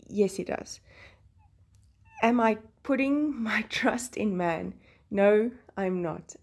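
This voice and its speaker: A South African woman whose first language is Afrikaans narrates a craft voice-over for her Bible journaling channel, her medium-pitched voice dark-toned with vocal fry. She keeps things chatty, laughing frequently between phrases.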